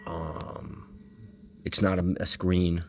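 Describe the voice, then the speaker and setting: Deep, monotone and slow, a man mutters and rambles hesitantly through unscripted commentary while examining something hands-on, with slight background noise present. He's presenting a video as a vintage audio enthusiast.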